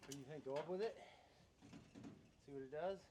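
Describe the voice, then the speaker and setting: A man's voice: a little high, fairly quick, slight background noise. A man hosting a shop vlog, joking and laughing with his crew while he directs the work. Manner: jokey, laughing, excitable. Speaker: vlog host working with a crew. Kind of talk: casual shop talk. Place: shop and yard, outdoors at times. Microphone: worn mic he is unsure picks him up.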